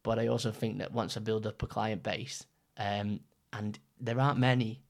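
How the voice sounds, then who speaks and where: Brief: young male co-host, lowish voice, loose rambling delivery, lots of "like" and restarts. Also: little pitch movement, moderate pace, gravelly. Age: young adult. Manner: rambling, many fillers and restarts. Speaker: trainee counsellor, podcast co-host. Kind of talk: casual chat.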